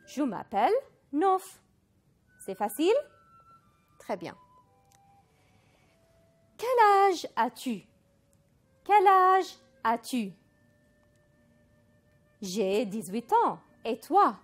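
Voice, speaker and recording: Casting: woman French teacher, slow and very deliberate, lively pitch, faint music behind. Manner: slow, deliberate model phrases for repetition, mixing in Arabic. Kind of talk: recorded language lesson.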